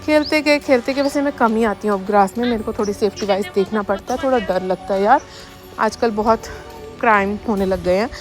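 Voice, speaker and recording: A young woman chatting fast in a family vlog voice-over, talking straight to her viewers. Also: medium pitch. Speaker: family vlogger. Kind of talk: casual voice-over narration of daily life. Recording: voice-over with faint background music.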